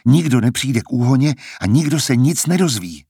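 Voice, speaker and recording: A man's voice: medium pitch, lively intonation, mellow, slightly rough, no room sound, clean studio sound, pitched above the performer's own voice. A man voicing an earnest, determined young man who talks in an urgent, persuasive way, in a storybook reading.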